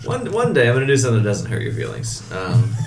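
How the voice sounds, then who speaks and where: A man playing a tabletop game, explaining his action in a rambling, halting way. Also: medium pitch, wildly swooping pitch, a little hiss or hum. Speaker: player. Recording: echoey room, loud music behind.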